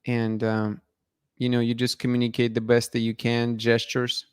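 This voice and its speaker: Reading viewer comments in a relaxed live stream, a Russian channel host laughs and restarts often. His mid-range voice is completely flat, moderately paced, a little mellow, clear and resonant, recorded in studio quality with no room sound.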